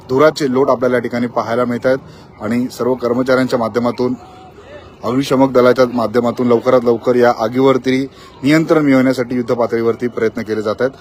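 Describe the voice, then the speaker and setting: Guy doing a live report at a fire, rapid fire delivery, street noise behind him. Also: medium pitch, darkish tone. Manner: fast, repetitive on-the-spot reporting. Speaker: field reporter. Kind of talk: live news report from the scene. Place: outdoors at a factory fire.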